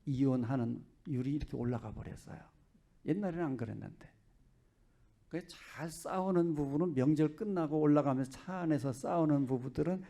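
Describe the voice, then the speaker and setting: A man's voice: on the high side, gravelly, warm tone. A male pastor giving a Sunday sermon in a chatty, joking way, often asking the congregation rhetorical questions.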